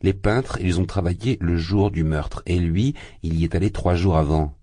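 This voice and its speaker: A man's voice: deep voice, moderate pace, warm tone, husky, dry recording, clean studio sound. A man voicing an agitated young friend who speaks bluntly and indignantly.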